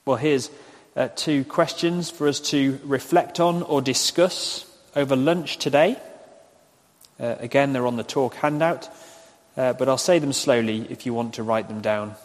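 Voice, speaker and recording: A man preaching a sermon in a slow, deliberate way, with emphatic pauses. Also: mid-range voice. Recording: long hall reverb.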